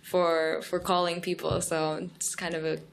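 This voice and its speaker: Woman, low-voiced podcast guest. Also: level tone, a little slow, vocal fry, a little hiss or hum. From United States. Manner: friendly explainer, laughs easily. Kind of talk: casual podcast interview.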